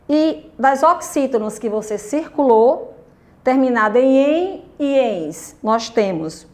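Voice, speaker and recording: A Brazilian woman teacher giving a recorded grammar lesson to young children, speaking slowly and patiently and often checking in with "tudo bem?" and "ok?". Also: on the high side. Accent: Brazilian Portuguese. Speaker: primary school teacher.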